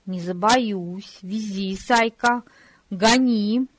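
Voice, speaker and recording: A woman voicing a spoiled, proud noble boy from an old storybook, who barks orders and flares up quickly. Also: mid-range voice, no room sound. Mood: imperious. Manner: bossy, shouting commands.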